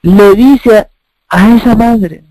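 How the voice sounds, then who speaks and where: A man's voice: high voice, drawn-out words, warm tone, no echo, low-quality recording. A man preaching a sermon, emphatic, asking rhetorical questions and repeating phrases.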